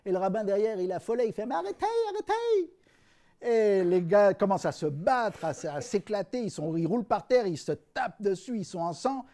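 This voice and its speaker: A man's voice: high voice, a little fast, hardly any pauses, mellow. A man telling jokes on stage in a stand-up show, with hesitant fillers and restarts. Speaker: comedian.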